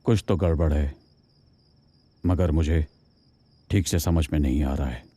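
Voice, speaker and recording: A man voicing a kind village man in a cartoon, who explains things calmly. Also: a bass voice, a little slow, a little hiss or hum. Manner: calm, explaining.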